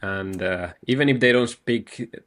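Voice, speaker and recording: A man's voice: medium pitch, a little slow, a bit bright. A man from Europe hosting a casual interview and asking friendly questions. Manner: friendly, asks questions with fillers. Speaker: host.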